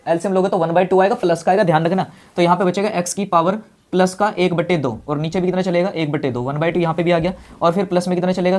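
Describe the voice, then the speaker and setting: Fast-talking male maths teacher. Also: high-pitched. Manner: asks questions aloud and answers them himself; calls students brother in a friendly way. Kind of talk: classroom maths lesson.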